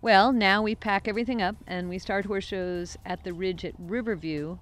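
A middle-aged woman answering an interviewer's questions outdoors on a farm lawn, talking into his handheld mic in a relaxed, conversational way and often restarting her sentences. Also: medium pitch, moderate pace. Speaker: guest, show organizer. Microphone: interviewer's handheld microphone.

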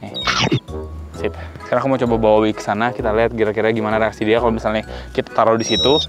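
A man chatting excitably to viewers while handling and feeding a pet, talking outdoors. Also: fairly low pitch, rapid-fire, over music. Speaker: animal vlogger. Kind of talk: casual vlog chatter.

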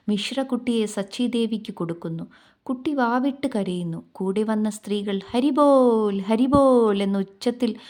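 A woman narrating a devotional story in a gentle, reverent storytelling manner. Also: mid-range voice.

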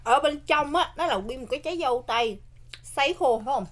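A woman's voice: high voice, lively intonation, quick pace. A woman in her thirties with a Southern Vietnamese accent, chatting casually as she co-hosts a snack tasting and often repeating short phrases. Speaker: snack tasting show co-host. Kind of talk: casual mukbang chat. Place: small indoor set with curtained backdrop. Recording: clear background noise, crinkling packaging.

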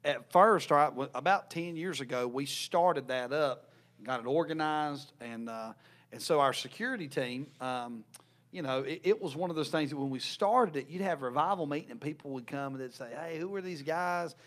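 A man in his thirties talks in an earnest, casual way, often restarting his sentences. He sits at a table in a small church room, speaking into a desk microphone, and his voice sits a bit high for a man. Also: normal speed, a bit bright. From North Carolina, USA. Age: 30s. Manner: earnest, repeats words as he restarts. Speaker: youth pastor and podcast co-host. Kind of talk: casual chat. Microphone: desk mic on a stand.

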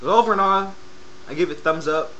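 A young man reviewing fast food in a casual vlog, talking bluntly and with profanity while his mouth is full. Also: on the high side, pushed and bright, lo-fi sound, slight background noise.

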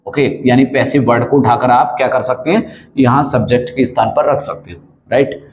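A man's voice: medium pitch, fairly even intonation, fairly quick, darkish tone, rough recording. A man teaching an English grammar lesson, explaining step by step and often asking checking questions.

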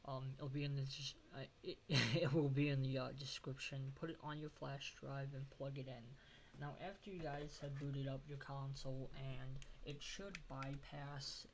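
A man's voice: medium pitch, level tone, normal speed, darkish tone. A man giving a casual, hesitant tech tutorial, sounding nasal and stuffed up, as with a broken nose. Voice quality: nasal, congested as after nose surgery. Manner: hesitant, informal explaining. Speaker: tutorial host. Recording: noisy home screen recording.

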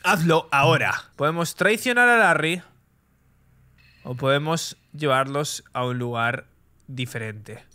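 Young gamer, high bright voice, chatty let's-play commentary. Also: male voice, lively intonation, measured pace. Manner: chatty, reads game text aloud. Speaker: gaming YouTuber.

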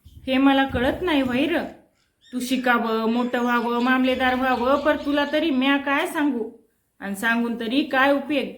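A short-tempered village father who sells vegetables at the market, as a woman reads him aloud in a storybook reading. He bellows his prices and barks at his family in a high, strained voice. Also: unhurried, reverberant. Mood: heavy, brooding. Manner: loud market hawking and scolding.

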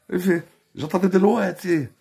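A man's voice: sits high, vocal fry, warm tone, a little hiss or hum. A young man chatting casually with a friend, tired and drowsy, slangy and profane, laughing often. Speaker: vlogger. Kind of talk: casual rambling chat to a friend.

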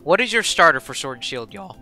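Excitable young man streaming a racing game. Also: on the high side, brisk, faint music behind. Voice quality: loud sudden outbursts while racing. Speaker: streamer host. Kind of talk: casual gaming stream chat.

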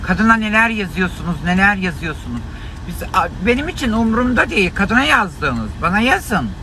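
A high-pitched man scolds his viewers in an indignant, exclamatory live-stream rant, his voice gone hoarse. He talks into a phone from inside a car. Loud traffic and street noise runs underneath. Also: sing-song, normal speed, low-quality recording. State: hoarse from shouting. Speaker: livestreamer.

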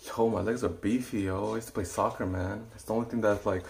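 A young man with a low, gravelly voice chats loosely with his stream audience between sets. He is out of breath from exercising, and his talk comes out relaxed and rough around the edges. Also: quick pace. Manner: talks to chat while exercising, counting reps under his breath. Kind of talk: casual live-stream chat during a workout.

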